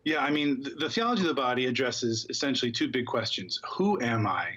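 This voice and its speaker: A man with a slightly husky voice talks fluently and upbeat as a guest on a studio talk show. The sound is a little dull and lo-fi. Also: mid-range voice, lively intonation, a little fast, bright, forceful tone. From Philadelphia area. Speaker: guest spokesperson. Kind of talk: TV studio interview.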